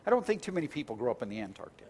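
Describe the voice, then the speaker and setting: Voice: mid-range voice, big pitch swings, very fast, a little mellow, husky. A pastor preaching a sermon in a conversational, earnest way, often restarting words and stacking phrases into lists.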